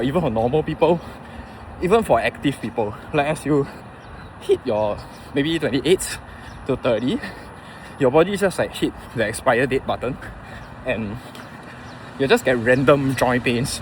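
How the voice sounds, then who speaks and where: Singaporean guy in his 30s doing a casual vlog, halting and thinking out loud, traffic noise behind him. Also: mid-range voice. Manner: informal, halting, thinking aloud. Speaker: running vlogger. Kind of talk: casual rambling vlog chat. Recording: clear outdoor traffic and vehicle noise.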